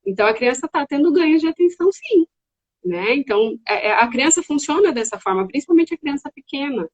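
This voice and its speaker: A woman's voice: sits high, brisk, rough recording. A middle-aged woman with a Brazilian accent, a psychiatrist explaining child behaviour in a casual educational chat, often acting out children's voices. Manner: animated, acts out children's voices.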